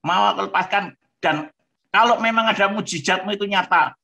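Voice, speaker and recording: Brief: male pastor, animated testimony, slightly high, bright tone, muffled audio. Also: brisk, gravelly. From Malang, East Java. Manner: lively, acts out dialogue with shifting voices. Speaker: pastor giving his testimony.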